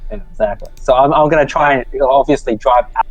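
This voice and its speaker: A man's voice: medium pitch, fast, dull audio, crowd noise. A man playing a tabletop game, chatting casually as he describes and speaks for his character. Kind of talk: casual in-character and player chat.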